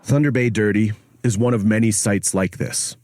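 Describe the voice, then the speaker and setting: A man hosting and narrating a documentary podcast in a grave, measured tone, recorded on a studio mic. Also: fairly low pitch, steady tone, a little mellow, no room sound.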